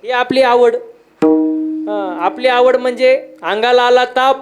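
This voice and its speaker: A man's voice: very high voice, a little slow, soft background music. A man giving a humorous devotional kirtan sermon, telling stories with repeated refrains and quizzing the crowd for answers. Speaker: kirtan preacher.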